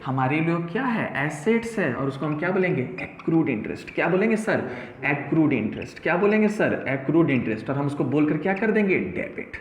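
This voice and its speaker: Man, accounts teacher, animated call-and-response lecture, very lively pitch, echoey room. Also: brisk, slight background noise. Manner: animated, playful, repeats key terms and answers his own questions. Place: classroom with whiteboard. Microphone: camera in the room.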